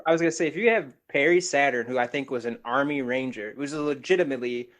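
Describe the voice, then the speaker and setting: A man's voice: mid-range voice, fast talker, fairly bright tone. A man in his thirties, co-hosting a casual podcast chat, telling stories loosely with swearing and laughter. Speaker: podcast co-host.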